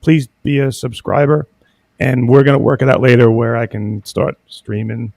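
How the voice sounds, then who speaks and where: Male guest, gravelly, rambling and hesitant, dry close sound. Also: mid-range voice, steady tone, a little mellow, no echo. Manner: rambling, many ums and uhs, halting. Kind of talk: casual interview chat.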